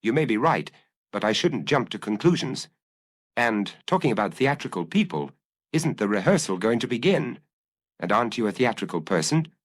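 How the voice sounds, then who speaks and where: A man voicing a shrewd priest detective who speaks quietly and reflectively. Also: lowish voice, very animated, moderate pace.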